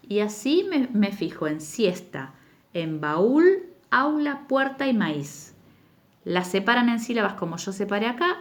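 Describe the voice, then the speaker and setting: A young woman teacher, explaining a grammar worksheet to children and slowly drawing out each example word. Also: mid-range voice. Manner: slow, emphatic spelling-out of words for children. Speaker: primary school teacher. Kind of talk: recorded remote lesson, explaining exercises.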